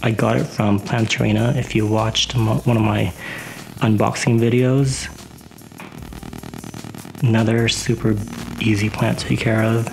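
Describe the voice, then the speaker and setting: A man's voice: fairly low pitch, creaky, faint music behind, low-quality recording. A man giving a casual tour of his houseplants at home, rambling with lots of fillers. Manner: relaxed, unhurried. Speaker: plant vlogger.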